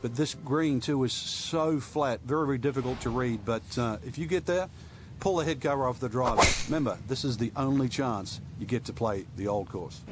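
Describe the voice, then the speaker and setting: A man giving golf commentary as a video game's course analyst, informal and conversational with thoughtful pauses. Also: medium pitch, noisy background, natural voice. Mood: relaxed, explanatory. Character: male golf expert giving course tips in a game.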